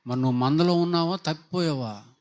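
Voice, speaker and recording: Fervent male preacher with a higher voice. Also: a little fast, darkish tone. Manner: fervent preaching with rhetorical questions. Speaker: pastor. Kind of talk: Telugu sermon.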